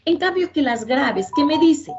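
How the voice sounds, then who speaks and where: Slow, patient woman teacher, lo-fi. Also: high-pitched, lively intonation, music in the background. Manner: slow, repetitive explaining with checking questions. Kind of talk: classroom grammar lesson. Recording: dull lo-fi sound.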